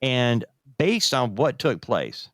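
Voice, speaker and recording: A man's voice: mid-range voice, very animated, slow, no room sound, studio quality. Man hosting a true crime podcast. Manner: conversational storytelling. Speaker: podcast host.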